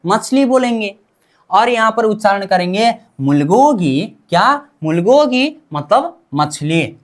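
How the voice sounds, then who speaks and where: A woman teaching a language class, repeating sounds and asking and answering her own questions. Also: mid-range voice. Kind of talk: classroom-style language lesson.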